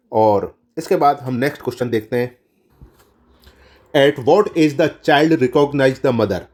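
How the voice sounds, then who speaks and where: Speaking at a medium pitch with a slightly mellow quality, this man lectures on nursing exam questions and addresses his students as children. His Hindi explanation is sprinkled with English terms, and he repeats key answers while correcting himself along the way.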